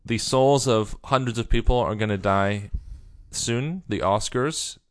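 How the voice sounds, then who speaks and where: A young man with a fairly low voice co-hosts a relaxed podcast chat. He reads out news items and drops dry, sarcastic jokes along the way. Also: a little slow. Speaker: podcast co-host.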